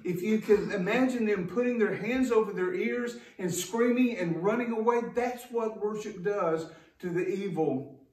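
At a wooden pulpit inside the church sanctuary, a male pastor delivers a sermon to the congregation at a moderate pace. His voice is high with a darkish tone, and his style is emphatic and folksy, full of rhetorical questions. The room echoes, and the mic sits far away.

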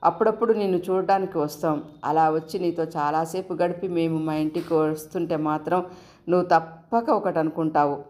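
A woman voicing an affectionate, teasing young woman in a storybook reading, with a raised, lively delivery. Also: low voice, brisk, lightly acted. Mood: fond.

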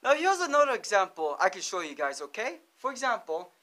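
A young man performs a comic lesson in a thick Hawaiian Pidgin manner. His voice is unusually high and bright, and his delivery is animated and exaggerated, full of local slang. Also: a little fast. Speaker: comic instructor. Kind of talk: mock lesson in Hawaiian Pidgin, comedy sketch.

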